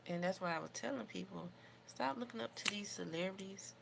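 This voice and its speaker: An American woman hosts a livestream while doing her makeup, talking in a brisk, gravelly, medium-pitched voice. She rambles casually and shares opinions informally, with noticeable background noise.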